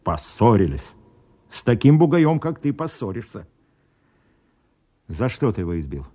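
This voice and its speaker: A weary major in a military drama. His voice is low, dark and husky, and he questions his men with curt, menacing authority. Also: very animated, measured pace. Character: stern, weary army major interrogating his soldiers.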